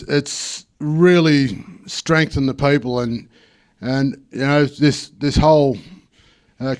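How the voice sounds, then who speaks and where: A man speaking earnestly and personally as a panelist at a conference, with frequent pauses. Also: medium pitch, darkish tone.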